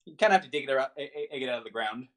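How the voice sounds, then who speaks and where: A game master improvising narration for a tabletop game, with a halting, stammering delivery that often repeats words. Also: medium pitch, lively intonation.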